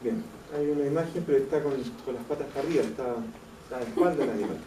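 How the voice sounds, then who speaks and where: A man teaches an anatomy class, repeating each key term and checking that students follow. His voice is mellow and sits a little high. He is picked up from a distance in an echoey lecture hall with faint background noise. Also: rapid-fire. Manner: explains step by step, repeats key terms, checks in with "¿ya?". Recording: echoey classroom, mic far off, faint ambience.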